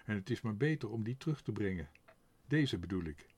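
A man voicing a kind, honest father in an audiobook, speaking gently but firmly. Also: fairly low pitch, brisk, husky. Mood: gentle, firm. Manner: gentle, calm and firm. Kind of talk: audiobook character voice.

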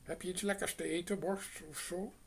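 A man's voice: high-pitched, steady tone, normal speed, vocal fry, a little hiss or hum, voice pushed up. A man voicing a hungry, talkative male crow who rambles and hesitates, in a storybook reading. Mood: musing.

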